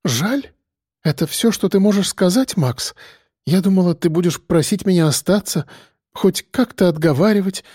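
A woman's voice: fairly low pitch, brisk, mellow, no room sound, studio quality, pitched above the performer's own voice, close to an everyday voice. A male reader voicing a young policewoman who sounds hurt, jealous and dramatic. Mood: indignant. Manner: plaintive, dramatic.

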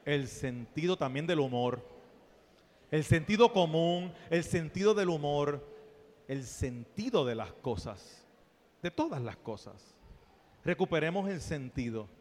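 A man preaching a sermon, playful and animated, dropping to soft asides and then rising to loud exclamations. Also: fairly high pitch, unhurried. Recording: long reverb of a church hall.

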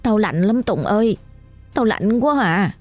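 A woman's voice: medium pitch, expressive, unhurried, darkish tone, soft background music. Woman putting on a crying ghost kid, cold, begging. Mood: pleading.

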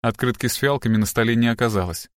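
A man reading a novel aloud as audiobook narrator in an even, measured way. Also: medium pitch, no room sound. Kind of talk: scripted narration.

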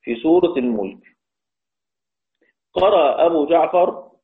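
A man with an Egyptian Arabic accent teaches Quran readings in an online class. His voice sits a little high, and he asks the class questions and answers them himself. He slows down to chant each quoted verse, and the audio is thin and phone-like, as over a call. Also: lively intonation.

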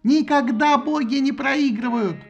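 A man's voice: extremely high pitch, a little slow, muffled recording, soft background music, voice pushed up. A man voicing the goddess Athena as a tearful, stubborn young daughter who whines and shrieks her pleas in an audiobook. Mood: shrill wailing.

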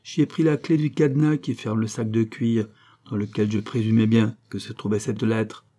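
A man reading an audiobook and voicing a smooth-talking, menacing male villain with falsely genial politeness. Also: on the low side, fairly even intonation, normal speed, dark tone, lightly acted. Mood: mock-polite.

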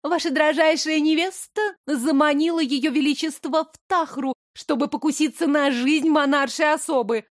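A woman voicing a shrill spiteful young court lady. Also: steady tone, normal speed, hardly any pauses, dry recording, clean studio sound, lightly acted. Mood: spiteful accusing. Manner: shrill, indignant, accusing.

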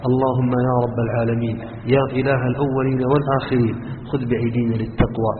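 Impassioned preacher in echoing hall. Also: male voice, mid-range voice, level tone, very fast. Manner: impassioned, emphatic, exhorting the congregation. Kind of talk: fervent sermon and lecture. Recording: lo-fi phone-like sound with long reverb and faint noise.

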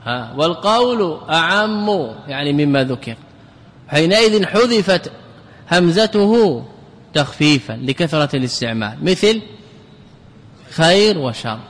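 A man's voice: on the high side, lively intonation, measured pace, long pauses, a bit bright. A man teaching a grammar class, repeating words to drill them and putting questions to his students. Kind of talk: classroom lecture. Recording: lecture hall with long reverb.

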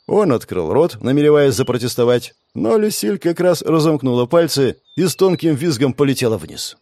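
A man narrating an audiobook in an expressive, lively storytelling manner. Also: mid-range voice, no echo. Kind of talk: scripted narration.

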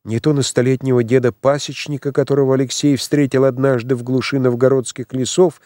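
A man narrating an audiobook in a measured, dramatic reading. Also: medium pitch, level tone, warm tone, no room sound, studio quality.

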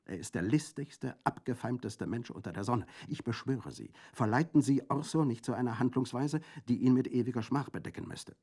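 A fierce, high, raised voice of a young Corsican woman, as a male reader puts her on, imploring and vehement. The tone stays dark and mellow beneath the strain, and her words come in hot, insistent bursts. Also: fairly quick, vocal fry. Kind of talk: audiobook reading.

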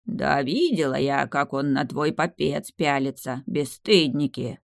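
A woman voicing a grumpy, prudish old female tree spirit in an audiobook, with a wheezy, croaking voice and a slow, drawling, scolding manner. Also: rumbling low, animated, no room sound, clean studio sound, exaggerated voice. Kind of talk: audiobook character voice.

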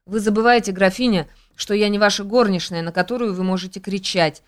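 A woman reads as a spirited young lady who answers with cool, cutting pride, her smooth, clear voice sitting at a middling pitch. It is a storybook heroine who will not be talked down to. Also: fairly even intonation, brisk, natural voice. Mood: cold, indignant. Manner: proud and cutting. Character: proud, fiery young woman singer.

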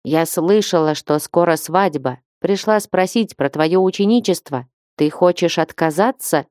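A woman reading the lines of an old witch herbalist who speaks quietly in a creaky voice. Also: fairly low pitch, a little slow, no echo, clean studio sound, lightly acted. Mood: quiet, calm.

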